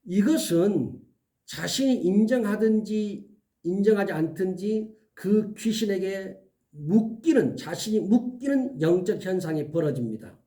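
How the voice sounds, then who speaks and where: A male pastor preaching an earnest sermon, giving emphatic warnings and slowly listing items one by one. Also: high-pitched, expressive, mellow, distant mic.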